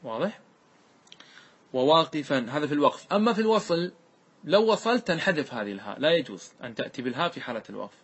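Husky-voiced sheikh teaching grammar step by step. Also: male voice, a little high, lively intonation. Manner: explains step by step, often checking with listeners; drags out example words slowly when reciting. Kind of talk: classical Arabic grammar lesson.

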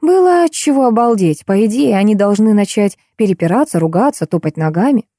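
A woman reads a comic detective novel aloud in the first person, with a lively and expressive delivery. Her voice is mellow and sits at a middle pitch. The recording is dry and close, like a studio audiobook. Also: fairly quick, no echo. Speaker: audiobook narrator.

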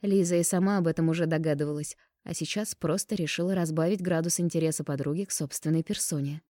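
A woman reads a novel aloud in a calm, even narration. Her voice sits low with a warm, mellow tone, and the sound is close and dry. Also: quick pace, no echo. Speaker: audiobook narrator. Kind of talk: scripted narration of a romance novel.

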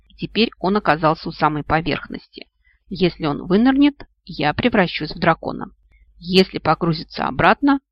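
A reader narrating a first-person fantasy audiobook in a lively way, exclaiming when voicing the heroine. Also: medium pitch. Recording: dry, muffled, dull-sounding recording.

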